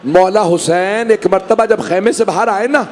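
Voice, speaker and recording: A man with a Pakistani Urdu accent reciting a Muharram mourning sermon to a gathered congregation, with impassioned, drawn-out cries. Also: high voice, a little mellow, a little hiss or hum. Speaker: majlis reciter.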